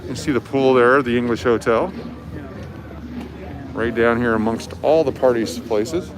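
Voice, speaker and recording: This street tour guide, livestreaming a nighttime walk through the city, speaks a little slowly in a medium-pitched voice. He explains things informally and casually while traffic noise fills the outdoor recording.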